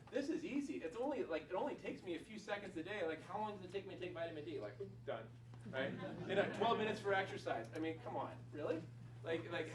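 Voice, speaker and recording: A middle-aged chiropractor giving a casual, rambling motivational talk to a group, full of "like" and repeated words. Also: male voice, high-pitched. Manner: casual, filler-heavy, repeats himself. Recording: echoey room, far from mic, noisy.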